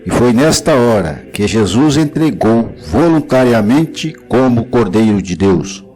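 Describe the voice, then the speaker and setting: Slow, solemn man over soft music. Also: medium pitch, lively intonation, low-quality recording. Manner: solemn, measured reading of scripture. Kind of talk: slow scripted devotional narration.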